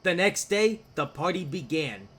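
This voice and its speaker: A man's voice: a little high, sing-song, a little slow, fairly bright tone. A man reading scripted storybook narration for a cartoon, recorded with faint background noise. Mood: narrating.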